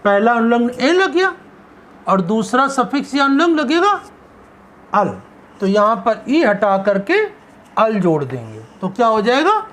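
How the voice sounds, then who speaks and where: A man's voice: very high voice, very animated, unhurried, a bit bright. A male chemistry teacher giving a classroom lecture. He poses questions and answers them himself, stretching out the key terms.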